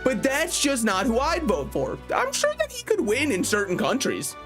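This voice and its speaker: A man's voice: extremely high pitch, huge pitch swings, normal speed, loud music behind the voice. A man giving casual, opinionated live-stream commentary on games, conversational and joking. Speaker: game streamer.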